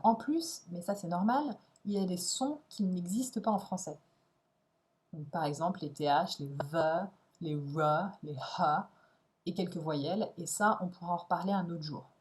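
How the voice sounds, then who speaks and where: A woman giving an instructional video lesson as an English teacher, speaking clearly and stressing key words in an encouraging way. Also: fairly low pitch, a little mellow.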